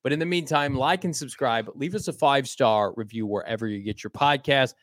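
A man's voice: mid-range voice, brisk, no echo. Upbeat male sports podcast co-host, mid-range voice, dry close sound. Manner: upbeat, folksy sign-offs. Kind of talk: casual sports podcast chat.

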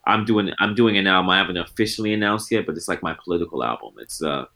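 Low and fast, with a pushed, bright quality, this man talks as a guest musician in a casual interview. In his forties, he comes across as laid-back and reflective, often looping back on what he's said.

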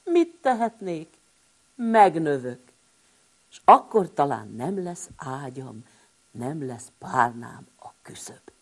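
A woman voicing the youngest little boy hedgehog in a storybook tale, loud and exclaiming, with a husky voice. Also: low-pitched, big pitch swings, exaggerated voice. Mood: resigned.

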